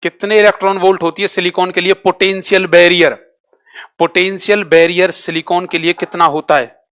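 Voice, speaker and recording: Guy teaching online, keeps asking the same question over n over, bit high voice. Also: little pitch movement, fairly bright tone. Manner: drills students with repeated quick questions; switches between Hindi and English terms. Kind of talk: live online class quiz.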